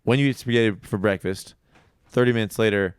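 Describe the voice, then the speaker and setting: Playful low-voiced young man host. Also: fairly even intonation, brisk, smooth, dry recording, clean studio sound. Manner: goofy, playful, laughs a lot. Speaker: podcast host. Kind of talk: casual chat.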